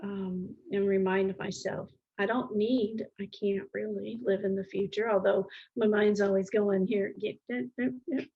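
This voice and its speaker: A middle-aged or older woman speaking in a calm, gentle, reflective way in an interview, halting as she searches for words. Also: mid-range voice, slightly rough, dull audio. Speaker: interview guest.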